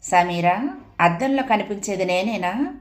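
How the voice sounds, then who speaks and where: A woman's voice: mid-range voice, a little slow, lightly acted. A woman voicing a brooding, dreamy young husband in a read-aloud story.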